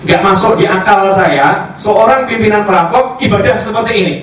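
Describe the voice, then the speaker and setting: A man, a religious teacher telling stories in a sermon, acting out dialogue in lively voices. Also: sits high, normal speed. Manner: animated storyteller acting out dialogue. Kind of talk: sermon storytelling. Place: cafe gathering. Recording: echoey distant room recording, faint background noise.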